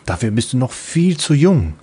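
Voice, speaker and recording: Comic audiobook: patient mother, soothing explainer, husky, raised pitch, a man putting her on. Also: big pitch swings, moderate pace, warm tone. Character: patient, doting mother landing page.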